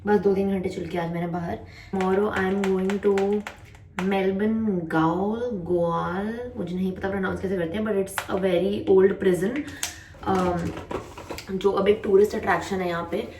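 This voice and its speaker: A young woman keeps up a chatty travel vlog into her handheld phone, excitable and thinking aloud as she goes. Her voice sits at a middle pitch. Clear background noise runs steadily under the recording. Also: unhurried. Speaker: travel vlogger. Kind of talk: casual travel vlog chat. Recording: noisy street and room ambience.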